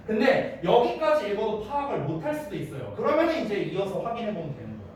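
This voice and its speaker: A male English teacher walks high schoolers through a reading passage, repeating the key words and asking whether they follow. His voice sits high and swings widely in pitch. It sounds distant and echoey, with a faint hiss behind it. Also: a little mellow. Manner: explains step by step, repeats key words, asks students rhetorical checks. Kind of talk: online lecture to high school students.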